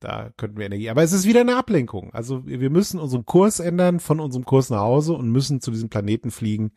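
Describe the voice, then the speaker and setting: A man's voice: medium pitch, lively intonation, quick pace, mellow, no room sound. Wry, dry-sounding male podcast co-host. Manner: playful, ironic asides with laughs. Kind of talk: casual chat recapping an episode.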